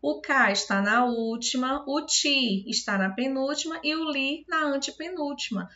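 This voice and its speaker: A woman's voice: high voice, measured pace, bright, forceful tone, dull audio. A woman with a Brazilian accent giving a recorded video lesson as a teacher. She explains step by step, patiently, and keeps checking whether her students understand. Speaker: Portuguese teacher.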